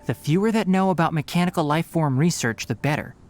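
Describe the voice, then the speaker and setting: A man voicing a brisk, responsible young forest ranger in a fantasy video game, speaking in an articulate, matter-of-fact, instructive way. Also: a little high, over music, natural voice. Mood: firm, concerned.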